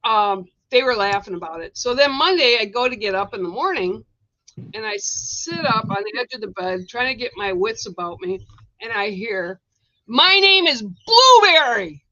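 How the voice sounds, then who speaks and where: A woman's voice: mid-range voice, normal speed. A woman on a spirituality livestream telling a story in casual chat, acting out the voices of the people in it. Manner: animated storyteller, acts out quoted voices. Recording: dull lo-fi livestream audio.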